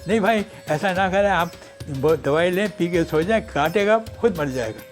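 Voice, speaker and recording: A man putting on a loud, insistent male street vendor in a comic radio anecdote. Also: high voice, faint music behind, voice pushed up, lightly acted.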